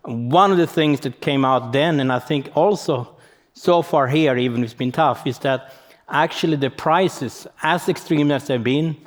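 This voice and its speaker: A man gives a conference presentation, explaining as he goes and thinking aloud. His voice sits at an ordinary middle pitch. The sound carries the long echo of a large hall. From Sweden. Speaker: conference speaker.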